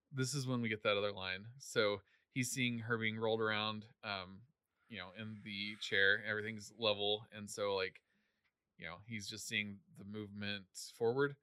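Bright-voiced man in casual chat. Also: fairly low pitch, clean tone, no room sound, studio quality. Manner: rambling, many fillers and restarts. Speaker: podcast co-host discussing a novel.

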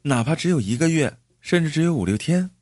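A chatty young bride from the countryside, raising her voice higher and brightening as she coaxes, put on by a male storyteller. Her tone is persuasive and friendly, and the sound is close and dry. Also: expressive, a little fast, no echo. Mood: cheerful coaxing. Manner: chatty, coaxing. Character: young rural woman, newlywed bride, cheerful and persuasive.

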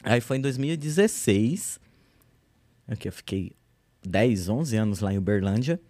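A man's voice: fairly low pitch, measured pace, no echo. Casual slangy man telling his story. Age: 30s. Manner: relaxed slangy storytelling with lively quoted speech. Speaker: guest artist. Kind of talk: casual podcast chat.

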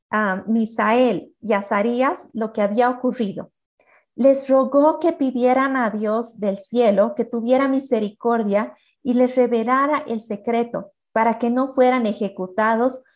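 A woman with a somewhat high voice preaching a Bible lesson as a story. She acts out what the figures say and keeps asking her listeners small tag questions. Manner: acts out quoted speech. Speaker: Bible teacher. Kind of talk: Bible story retold as a sermon.

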